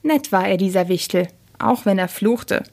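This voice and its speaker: A woman reading a children's story aloud as narrator, calm and unhurried. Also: mid-range voice, gravelly.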